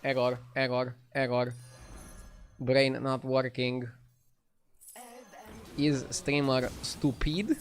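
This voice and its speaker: A streamer putting on the voice of a glitching, malfunctioning robot, speaking in a slow, halting monotone. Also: male voice, medium pitch, lightly acted. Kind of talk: live game stream commentary.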